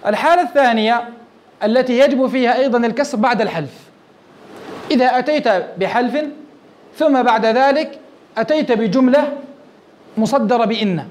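A man, a sheikh, teaching a grammar lesson step by step, asking the class questions and then answering them himself. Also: extremely high pitch. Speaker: Islamic scholar teaching Arabic grammar.

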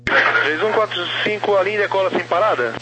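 A Brazilian man working as a tower controller, giving clipped procedural clearances over aviation radio. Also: high voice, expressive, fairly quick. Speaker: tower air traffic controller. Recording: noisy tower radio transmission.

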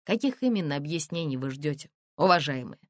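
A woman's voice: sits low, animated, a little fast, no room sound, clean studio sound. A woman reader voicing a curt, secretive male museum director who speaks in a brusque, mocking tone.

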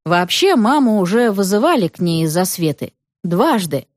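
A woman narrating an audiobook story with an expressive, dramatic reading. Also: mid-range voice, moderate pace, no room sound, studio quality.

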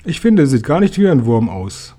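A man reading a storybook, voicing a polite, shy young boy who speaks softly and hesitantly. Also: mid-range voice, sing-song, a little fast. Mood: gentle, timid. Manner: soft-spoken, hesitant.

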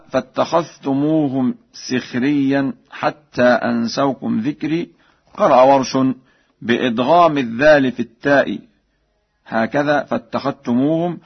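A man of middle pitch teaches recitation. He moves between measured spoken explanation and slow, melodic chanted examples. The sound is dull and lo-fi, like an old radio broadcast. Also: slightly rough.

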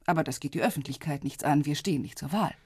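Her husky voice sits low and darkish as she plays a guarded, businesslike intelligence officer in a radio drama, keeping things measured, composed, and discreet. The studio-quality recording carries no room sound.

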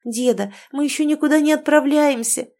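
An emotional young granddaughter speaks eagerly in an audiobook, voiced by a woman reader. Her pitch climbs with feeling, and her tone stays mellow. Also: normal speed. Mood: anxious.

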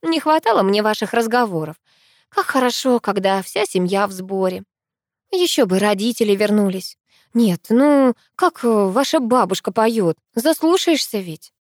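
A woman's voice: mid-range voice, animated, moderate pace, no echo, clean studio sound, pitched above the performer's own voice, natural voice. A woman voicing a fussy, kindly older housekeeper who talks in an affectionate, folksy way, in an audiobook reading.

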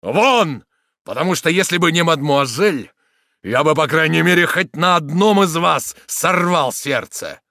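A man's voice: mid-range voice, sing-song, normal speed, fairly bright tone, no room sound, clean studio sound. A man voicing a blunt, hot-tempered old soldier in an audiobook. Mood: furious. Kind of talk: audiobook character reading.

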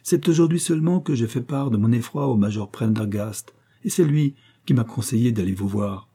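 A man voicing a desperate young gentleman who feels hunted by fate, telling his story anxiously. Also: medium pitch, moderate pace, breathy edge.

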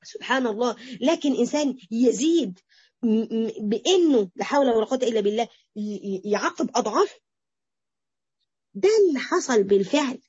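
A woman with an Egyptian Arabic accent giving a religious lesson to women, animated and acting out quoted speech. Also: on the high side, a little fast, long pauses, slightly rough, no room sound, dull audio. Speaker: religious teacher. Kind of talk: Quran interpretation lesson to women.

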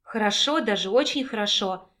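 A woman reading an audiobook and voicing a gentle young woman who speaks softly and tearfully, full of worry. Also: mid-range voice, lively intonation, normal speed, natural voice. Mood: anxious, tearful. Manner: soft, tearful and anxious.

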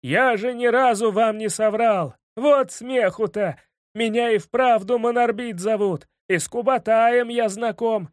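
A man puts on a storybook villain sorcerer who cackles and gloats at the top of a raised, high voice. He swings between booming threats and mocking glee. The sound is close and dry. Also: normal speed, dry recording, close to an everyday voice. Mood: gleeful. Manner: cackling, theatrical, loud and mocking. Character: gleeful trickster sorcerer Koshchei, old male villain. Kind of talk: audiobook character voice.

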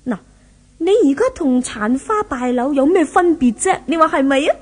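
A woman plays a spiteful, imperious young rich villainess in a 1970s Hong Kong Cantonese radio drama, gloating cruelly in a taunting, haughty, theatrical manner. Her voice sits high with lively intonation, a moderate pace and a darkish tone.

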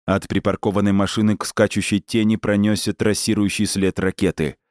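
A man narrating an audiobook in a steady, even storytelling manner. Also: fairly low pitch, brisk, no room sound, studio quality. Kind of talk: scripted narration.

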